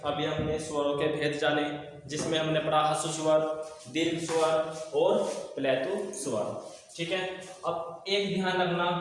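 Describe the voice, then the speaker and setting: A man's voice: on the high side, a little hiss or hum. Male teacher, board lecture, patient repetition; roomy hall sound, mic far off, faint ambience. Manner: explains slowly, repeats points for students to write. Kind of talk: classroom lecture. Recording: echoey room from far off.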